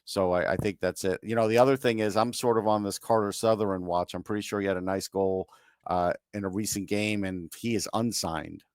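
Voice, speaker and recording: A man's voice: lowish voice, steady tone, a little fast, no echo, clean studio sound. A man with a New York accent co-hosting a sports podcast, giving opinions in a casual, matter-of-fact way. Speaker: podcast co-host.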